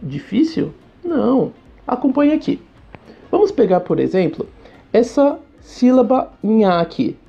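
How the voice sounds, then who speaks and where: Brazilian woman teacher, lively and gravelly. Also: fairly high pitch. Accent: Brazilian Portuguese. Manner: explains step by step, asking the class quick questions. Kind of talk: recorded lesson. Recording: slightly dull recording with faint music.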